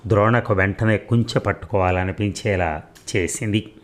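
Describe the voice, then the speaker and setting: Male audiobook narrator, low voice, measured and reflective. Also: fairly even intonation. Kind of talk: audiobook story reading.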